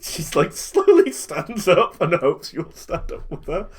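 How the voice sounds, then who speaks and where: A man's voice: on the high side, sing-song, a little slow, husky. A man casually narrating a tabletop role-playing game, joking and slipping into characters' lines as he goes.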